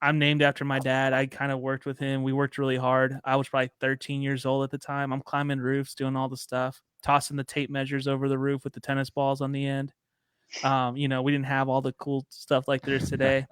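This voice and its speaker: A man's voice: medium pitch, fairly quick, clear, resonant tone, dry recording, clean studio sound. A man in his thirties from Chicago, chatting and telling stories as a guest on a podcast. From Chicago, USA. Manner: chatty, storytelling, relaxed slang. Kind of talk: casual podcast conversation.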